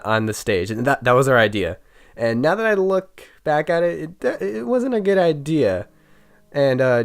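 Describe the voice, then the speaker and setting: This casual storytime comes from a young man on YouTube whose medium-pitched, smooth voice is nasal and stuffy from sickness. He tells a jokey, chatty tale of his school days, tripping over his words a little.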